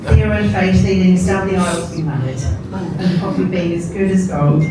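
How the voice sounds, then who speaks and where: A man's voice: high voice, fairly even intonation, brisk. A man gives a heartfelt, sentimental wedding toast as the groom. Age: 40s. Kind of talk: wedding toast, speech of thanks. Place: indoor wedding reception room. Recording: echoey noisy room, recorded from far off.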